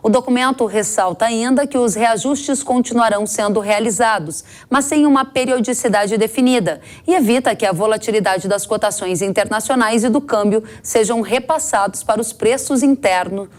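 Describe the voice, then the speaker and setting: A woman anchoring a farm news program, reading the headlines and reports in a measured, formal way. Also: a little high.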